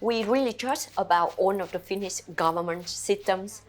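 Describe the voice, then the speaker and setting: A Vietnamese woman who owns a restaurant answers interview questions in halting, simple English, speaking as a non-native with a Vietnamese accent and many fillers. Her voice is mid-range.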